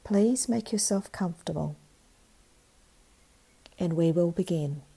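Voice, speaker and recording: Female meditation narrator: calm and meditative, slightly low pitch, very slow delivery, soft and breathy. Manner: calm, meditative tone with long pauses. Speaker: meditation guide.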